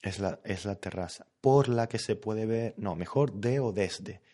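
A man with a lowish voice leads a live online language lesson, explaining patiently. He talks slowly and keeps checking that his students follow along. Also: mellow. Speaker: Spanish teacher.

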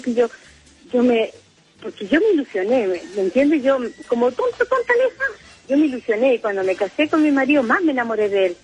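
A woman's voice: a little high, lively intonation, a little fast, darkish tone, husky, low-quality recording. A middle-aged Chilean woman calling in to a radio show, telling a story in an emotional, rambling way. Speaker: caller. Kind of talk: phone-in confession.

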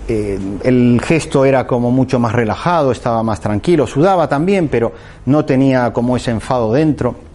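A man's voice: medium pitch, darkish tone. A man from giving a reflective talk, thinking aloud with fillers and restarts as he tells a short parable. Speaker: speaker giving a motivational talk.

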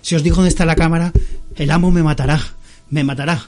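A man's voice: on the high side, fairly even intonation, quick pace, darkish tone, natural voice. A man voicing a frightened male captive who pleads desperately for his life. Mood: pleading.

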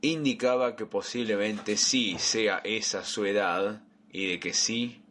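A man's voice: fairly low pitch, slow, a bit bright, a little hiss or hum. A young man with a Rioplatense accent, co-hosting a comedy podcast. He reads clumsy fan fiction aloud with mock earnestness and trips over the awkward phrasing. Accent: Rioplatense Spanish. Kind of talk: comedic dramatic reading.

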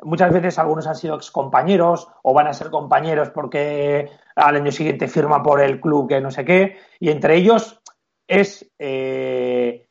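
Animated Navarrese referee, slightly high voice. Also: male voice, a little slow, gravelly, dull audio. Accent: Navarrese Spanish. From Spain. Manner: acts out player exchanges in animated quoted voices. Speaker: football referee guest. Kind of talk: casual interview chat.

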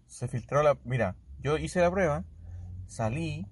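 A man's voice: fairly high pitch, lively intonation. A young man with a Chilean accent, telling stories in slangy casual chat. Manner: rapid, slangy storytelling. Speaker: podcast co-host.

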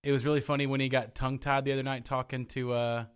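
Podcast co-host, male, mid-range voice, animated and rambling with restarts. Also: mid-range voice, fast, clear, resonant tone. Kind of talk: casual chat.

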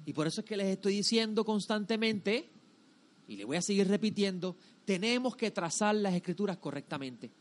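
A man's voice: high-pitched, lively intonation, moderate pace. A man giving a sermon-like religious lesson to a group, emphatic and didactic, often repeating phrases and asking rhetorical questions. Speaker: religious teacher.

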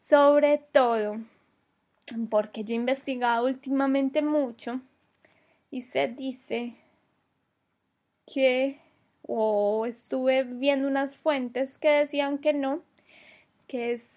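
Slow, soft-spoken woman sharing a personal story. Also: high voice, steady tone, narrow, tinny audio. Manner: slow, reflective, heartfelt, with soft hesitations. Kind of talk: emotional personal testimony.

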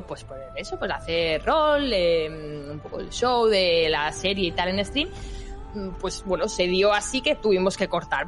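Chatty woman telling stories. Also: fairly low pitch. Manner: chatty, storytelling with many fillers and restarts. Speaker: content creator and podcast guest. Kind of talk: casual podcast interview.

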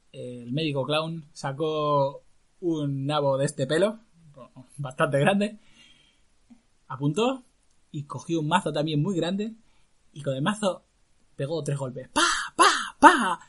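A man telling a folk tale aloud to a listener in a lively, earthy, colloquial way. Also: a little high, measured pace, long pauses. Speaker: storyteller.

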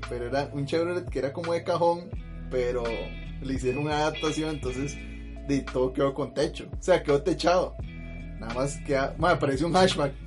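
A man with a Costa Rican accent telling a story in casual chat, lively and full of slang fillers, often laughing. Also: on the high side. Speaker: podcast host telling a story.

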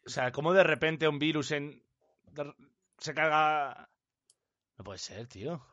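A man's voice: fairly high pitch, unhurried, bright, forceful tone, no room sound. A man with a Castilian Spanish accent chatting casually as a streamer. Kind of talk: casual chat. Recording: slightly dull, close dry microphone.

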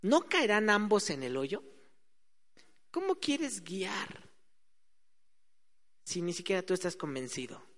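High-voiced preacher man in a reverberant hall. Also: very animated, a little fast, hardly any pauses, fairly bright tone. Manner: conversational, acts out little quoted voices. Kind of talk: sermon.

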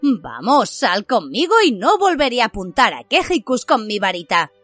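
A cocky teenage wizard boy, all swagger, tossing out taunts in a lively voice that jumps around, as a woman storyteller puts him on. The recording is close and dry. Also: fairly high pitch, moderate pace, no echo, soft background music. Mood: taunting.

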